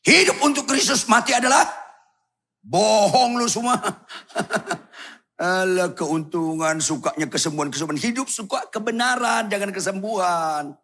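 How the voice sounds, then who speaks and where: Blunt slangy pastor guy, kinda high and husky, shouts then goes low. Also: measured pace. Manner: blunt, provocative, shouts and drops low for effect. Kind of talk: sermon.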